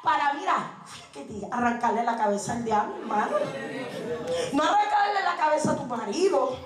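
Woman evangelist, fiery humorous sermon, very high voice, congregation responding. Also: expressive, normal speed, a crowd in the background. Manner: fiery, humorous preaching with call-outs to the congregation. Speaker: evangelist preacher. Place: church sanctuary. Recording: very echoey church with congregation. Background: congregation answering amen.

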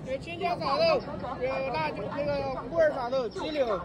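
A woman street vendor with a high voice calls out her dishes to people walking by. She is heard from a little way off in an outdoor square. A thick crowd buzzes all around her. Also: moderate pace, heavy background noise. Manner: calling out dishes to passersby.

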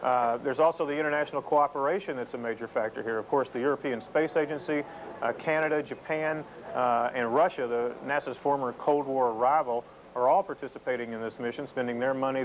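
A middle-aged man gives live news reporting as a space correspondent. He explains in measured phrases at an average pitch. The sound is dull, with faint noise, like an old taped broadcast. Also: steady tone. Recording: dull, noisy VHS TV broadcast.

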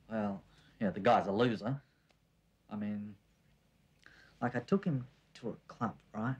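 A man's voice: medium pitch, husky, low-quality recording. An actor playing a vain, snobbish young man, confiding gossip straight to the listener. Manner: confiding, conspiratorial storytelling to the listener.

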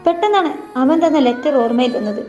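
A woman reading a novel aloud, taking every part herself at an even, unhurried pace. Her voice sits high and sounds mellow. The recording is dull and lo-fi, with faint music underneath. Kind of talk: dramatized novel reading, first person.

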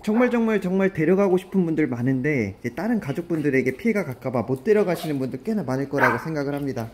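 A man's voice: on the high side, expressive, fast, slightly rough. Chatty man narrating a pet vlog. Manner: friendly, chatty address to viewers. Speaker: pet vlogger.

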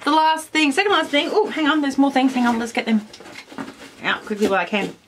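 An Australian woman talks excitedly to her camera on a tripod, reacting to snacks she is tasting. Her voice sits a little high, and a faint hiss runs under the recording. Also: fairly quick. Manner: chatty, enthusiastic, lots of "like" fillers. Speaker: food vlogger. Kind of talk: casual taste-test vlog.

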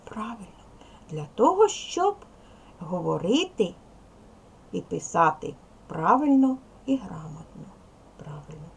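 Gravelly-voiced woman teaching young pupils. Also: lowish voice, big pitch swings, a little slow, long pauses. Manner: patient, explains step by step and counts aloud; addresses pupils as little children. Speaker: primary school teacher. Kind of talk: recorded video lesson for second graders.

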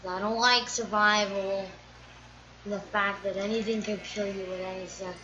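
A woman's voice: mid-range voice, level tone, moderate pace, bright, forceful tone. A woman casually commenting to herself while playing a survival game, muttering as she goes. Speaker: gameplay streamer. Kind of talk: casual let's-play commentary. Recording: dull lo-fi recording with faint noise.

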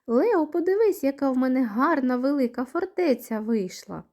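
A woman's voice: high-pitched, expressive, moderate pace, a little mellow, voice pushed up. A woman voicing a sweet little girl from a kindergarten storybook who is easily hurt. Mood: proud. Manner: proud, then tearful.

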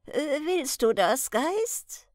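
A woman reading an audiobook, voicing a frightened old male miser who pleads with a ghost in a halting way with hesitant fillers. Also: sits high, big pitch swings, darkish tone, dry recording, clean studio sound, voice pushed up, full character voice. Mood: anxious questioning. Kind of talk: audiobook character voice.

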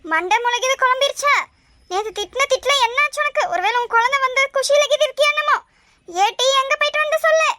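A woman's voice: very high voice, fast talker, bright, forceful tone, no echo. A woman voicing a bossy, scolding older mother-in-law in a cartoon. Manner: scolding, nagging. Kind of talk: cartoon voice acting.

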